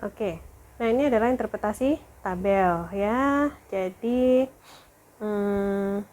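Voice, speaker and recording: A woman's voice: mid-range voice, takes it slowly, darkish tone. A woman lecturer talking through a recorded lesson, thinking aloud with fillers and corrections.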